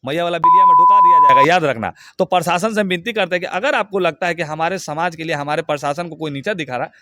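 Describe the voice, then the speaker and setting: A man's voice: a little high, fast, very noisy. A man giving an interview, speaking in a heated, emphatic and abusive way. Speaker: interview guest. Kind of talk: heated, crude complaint.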